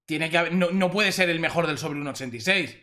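A young man from Spain with a Spanish accent and a high-pitched voice commentates a pack opening. He is excitable, repeats himself, and exclaims loudly whenever something good turns up. He talks close to a desk mic. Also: fast talker. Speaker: gaming youtuber.

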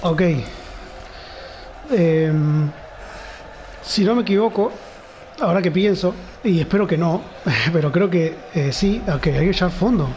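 A Rioplatense Spanish-accented gamer mutters to himself, scared and on edge, as he narrates a horror game. His high-pitched, darkish voice is unhurried and pauses often, and the rough recording carries slight background noise.

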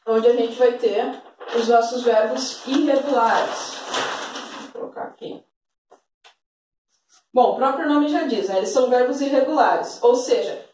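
A woman gives an English grammar lesson patiently, full of diminutives and frequent check-in tag questions. Her voice is a little high and a little mellow, picked up off-mic from a distance in a very echoey room.

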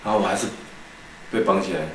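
A man's voice: low voice, steady tone, fast, roomy sound, slight background noise, poor audio. A man giving a personal faith testimony in church, telling his story earnestly with many restarts and quoted dialogue. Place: church hall.

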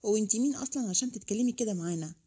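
A woman's voice: medium pitch, rapid-fire, dark tone, slightly rough, close to an everyday voice. A woman with an Egyptian accent voicing a pushy, arrogant young man, rude and provoking. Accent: Egyptian Arabic.

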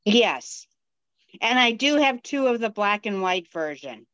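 A woman's voice: mid-range voice, sing-song, unhurried, a bit bright, no room sound. A woman, a beading class instructor, joins a group meeting over a phone into a video call, speaking casually and hesitantly with many ums and restarts. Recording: dull, muffled phone audio.

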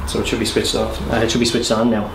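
A man's voice: lowish voice, completely flat delivery, fast talker. A young man working as a sports massage therapist, explaining things casually. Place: small treatment room, indoors. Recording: echoey room with background noise.

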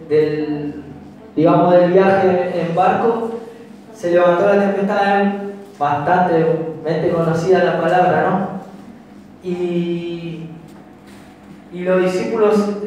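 A young man with a Paraguayan Spanish accent delivers a sermon in a high voice, pausing and restarting phrases as he explains the text. He speaks into a handheld mic at a pulpit in a small church hall, picked up from far back with heavy room echo and faint background noise. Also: a little mellow. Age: young adult. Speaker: preacher. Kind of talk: sermon with prayer. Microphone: handheld mic at a pulpit, filmed from far.

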